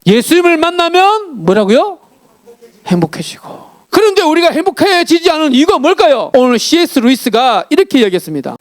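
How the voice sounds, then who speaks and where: A man's voice: extremely high pitch, no room sound, clean studio sound. A male pastor preaching a sermon, telling a story with lots of questions to the congregation.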